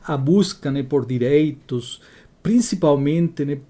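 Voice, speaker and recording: A man in his sixties from Chile, telling his life story as an interview guest in a measured way, often adding tag questions. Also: a little high, lively intonation, dark tone. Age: 60s.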